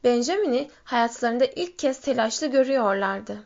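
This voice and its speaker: A woman narrating a story in a steady reading voice. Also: moderate pace, creaky. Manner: steady storytelling, lifts pitch for shouted quotes. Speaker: audiobook reader. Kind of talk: scripted narration. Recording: dull lo-fi recording.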